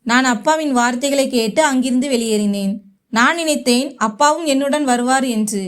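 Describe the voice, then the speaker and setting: A woman narrating a first-person short story in a slow, even storytelling manner. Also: high-pitched.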